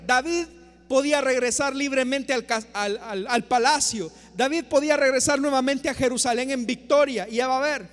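High-voiced preacher in an echoing church. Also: male voice. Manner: impassioned, rhetorical questions, swings between loud and soft. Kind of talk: sermon. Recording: long church reverb.

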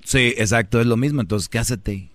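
Man, northern Mexican accent, radio host, blunt teasing advice, dry close sound, mid pitch. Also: normal speed, a bit bright, dry recording. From Monterrey, Mexico. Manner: blunt, teasing, repeats callers' nicknames. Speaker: radio show host taking calls. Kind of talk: casual call-in advice talk.

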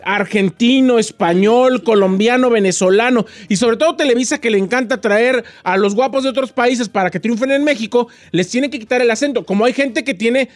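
A man's voice: very high-pitched, fairly quick, few pauses. A man, a radio co-host explaining things insistently and defending himself in on-air banter.

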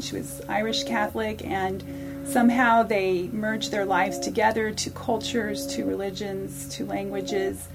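A woman, a podcast guest, telling her family's story in a measured, reflective way. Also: medium pitch, gravelly. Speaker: interview guest. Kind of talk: personal storytelling.

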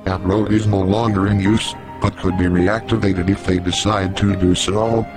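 A man doing a deep, slow robot voice. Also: little pitch movement, over music. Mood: mechanical. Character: deep monotone male robot reader. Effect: robot voice, put on by voice alone. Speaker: podcast co-host. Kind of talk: podcast talk, reading an account aloud.

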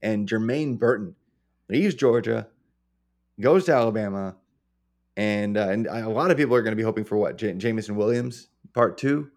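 A man's voice: lowish voice, moderate pace, darkish tone. A man co-hosting a podcast, thinking aloud about football with many fillers. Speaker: podcast co-host. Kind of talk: casual sports chat.

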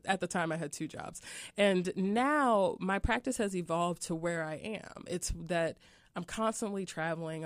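Woman, interview guest, candid, emotional, laughs while talking, lowish pitch, dry sound. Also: no echo. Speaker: yoga teacher and author. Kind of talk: conversational interview.

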